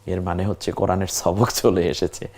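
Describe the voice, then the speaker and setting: Patient low-voiced man teaching Quran reading. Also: level tone, a little mellow. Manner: patient, addresses viewers directly, drawn-out practice syllables. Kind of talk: step-by-step recorded lesson.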